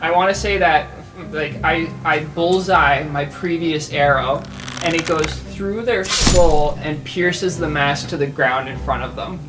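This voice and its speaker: Slow, laid-back man at the game table. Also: a little high, over music. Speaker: player.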